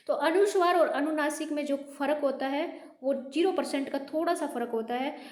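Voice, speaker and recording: A woman teaching Hindi pronunciation, patiently repeating each word slowly for her learners. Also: sits high, a little mellow, echoey room. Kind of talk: classroom lesson on pronunciation.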